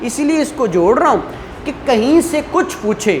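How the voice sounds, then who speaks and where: With a high-pitched, animated voice of darkish tone at a normal speed, a Pakistani-accented woman gives an explanatory law lecture. She mixes Urdu and English legal terms and often checks students are following with short tag questions; the room is clearly noisy.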